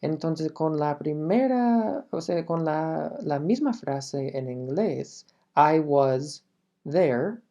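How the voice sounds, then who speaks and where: Slow, low-voiced woman teaching a language. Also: lively intonation, dark tone, lo-fi sound. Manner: patient, explains step by step and models example phrases clearly. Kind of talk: language lesson explanation.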